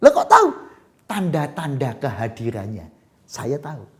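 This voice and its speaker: A man voicing an excited young boy who shouts with joy that his father is home. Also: moderate pace, lightly acted. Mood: proud. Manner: shrill gleeful shouting.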